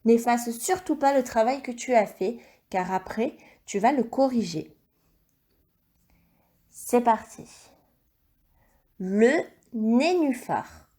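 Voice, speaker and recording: A woman teacher recording a video lesson for young children, dictating words slowly and clearly and encouraging the child. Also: on the high side, warm tone. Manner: slow, clear dictation with stretched syllables; encouraging, addresses the child directly. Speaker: primary school teacher.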